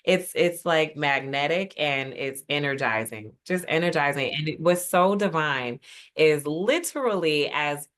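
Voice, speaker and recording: A woman's voice: low-pitched, lively intonation, unhurried, fairly bright tone. A woman leading a writing group over a video call, effusive and affirming, often calling people sis. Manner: frequent murmured mm-hmms while listening. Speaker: writing course facilitator.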